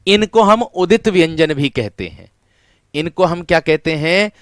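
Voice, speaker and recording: A man's voice: a little high, a little slow, dry recording, studio quality. A male teacher giving an online exam-prep lecture, repeating each point and asking students questions he then answers himself. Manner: repetitive call-and-response questioning, addressing students as friend.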